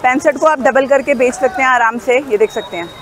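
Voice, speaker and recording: A woman's voice: high voice, fairly quick, fairly bright tone, some chatter behind, poor audio. Chatty woman touring a busy market. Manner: chatty, explains prices to viewers while bargaining. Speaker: shopping vlogger. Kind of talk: walking market tour vlog. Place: busy outdoor wholesale market.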